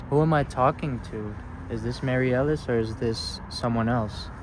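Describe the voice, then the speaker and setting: A man with a mid-pitched voice hosts a casual outdoor ghost hunt. He speaks politely and coaxingly, as if to someone unseen, and explains things simply. Clear traffic and city ambience runs behind him. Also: moderate pace. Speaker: paranormal investigator hosting a video. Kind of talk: casual narration and gentle questions to spirits. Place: outdoors at a roadside parking lot grave site.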